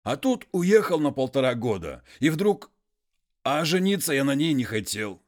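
A wheedling peasant pleads in folksy, drawn-out phrases, as a man puts him on for a story reading. The voice sits high and loud, with lots of lift and fall in each line. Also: very animated, natural voice. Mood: pleading.

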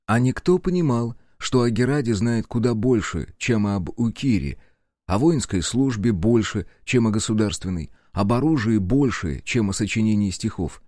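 A male narrator reads an audiobook with measured, even storytelling. His voice sits on the low side, and the recording is close and dry. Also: no room sound. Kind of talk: scripted narration.

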